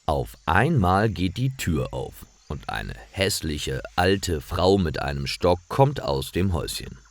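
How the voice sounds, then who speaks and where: A man narrating a fairy tale slowly and clearly for language learners. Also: low voice. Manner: slow, clear, lively storytelling. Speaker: storyteller.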